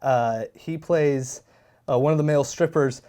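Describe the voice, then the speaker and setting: A man co-hosting a movie review podcast in casual chat, animated and quick to act out scenes as he talks. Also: a little high. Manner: animated, quotes scenes in lively voices.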